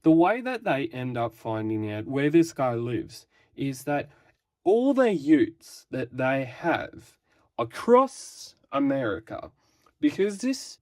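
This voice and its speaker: A man's voice: mid-range voice, a little mellow, no room sound, clean studio sound. A man giving a casual spoken comic book review, rambling and restarting often.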